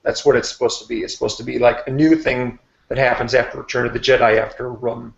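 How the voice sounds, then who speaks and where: A man's voice: mid-range voice, little pitch movement, fast, creaky. Man in a roomy, muffled webcam chat. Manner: loose, rambling, filler-heavy. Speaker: host of a live movie chat. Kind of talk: casual chat about movies. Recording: roomy, dull lo-fi webcam audio.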